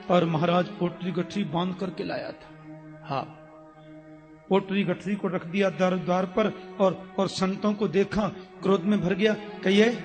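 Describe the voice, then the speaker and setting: A man telling a devotional story as a sermon, acting out the characters expressively. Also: high-pitched. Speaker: religious storyteller. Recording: echoey hall with faint music.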